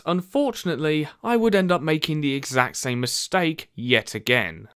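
A man narrates a scripted personal commentary as an online video creator. His voice is of average pitch, with a clean, smooth tone.

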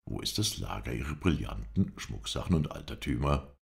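Man doing a calm firm traveller, super deep voice, short clipped questions. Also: moderate pace, vocal fry, heavily acted. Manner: curt, businesslike questioning. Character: calm, firm male traveller, the tale's hero.

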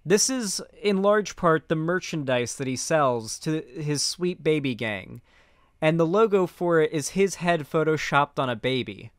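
Speaking unhurriedly with lively intonation, a political commentary streamer in his twenties, an American Southerner from central West Florida, offers casual, blunt opinions. His smooth, slightly high voice is recorded dry on a close boom-arm microphone in his small indoor streaming room, headphones on.

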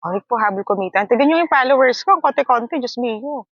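A woman vlogging outdoors in casual chat, chatty and laughing with sudden high squeals. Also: expressive, fast, no room sound, muffled recording. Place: outdoors by a hammock. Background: wind.

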